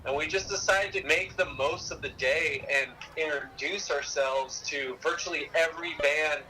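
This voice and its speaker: Man in his 30s, bright tone, a touch high; animated, casual storyteller who swears freely. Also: moderate pace, slight background noise, low-quality recording. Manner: animated, acts out quoted voices, swears casually.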